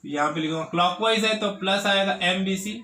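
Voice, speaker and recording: A man teaching engineering at a whiteboard, putting questions to his students and answering them himself. His voice sits high and rings bright. The room around him is echoey. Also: fairly quick. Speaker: engineering tutor. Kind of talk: whiteboard lecture. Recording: echoey classroom.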